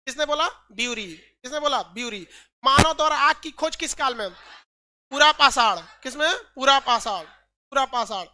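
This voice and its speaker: A woman's voice: high-pitched, animated, normal speed, sharp tone. A woman teacher running an exam-prep lesson, quizzing students with repeated questions and joking asides.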